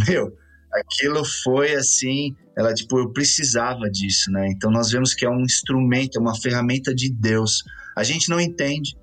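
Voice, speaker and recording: A Brazilian man co-hosting a faith podcast, reflecting in a measured way and often adding "né". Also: medium pitch, fairly bright tone. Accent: Brazilian Portuguese. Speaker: podcast co-host.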